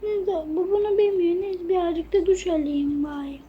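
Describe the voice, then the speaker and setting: A woman narrating a game role-play in soft, half-whispered asides. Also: extremely high pitch, fairly even intonation, normal speed, muffled recording, slight background noise.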